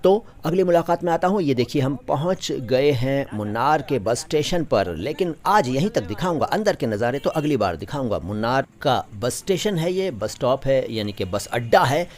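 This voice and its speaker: Man, vlog host, middle pitch, careful slow enunciation, patient teacherly listing of synonyms. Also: lively intonation. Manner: slow, careful drawn-out pronunciation of words. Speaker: channel host teaching word pronunciation. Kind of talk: travel vlog voice-over explaining words.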